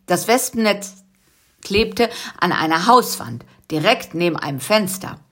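A woman's voice: mid-range voice, lively intonation, a little slow, slight background noise. Woman reading a children's story. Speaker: audiobook narrator.

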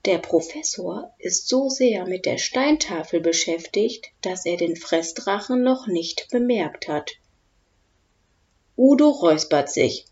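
A woman reads a children's story slowly and calmly. The recording is a little dull and muffled, with nothing else heard behind her. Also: on the low side. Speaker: narrator. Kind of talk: children's audiobook narration.

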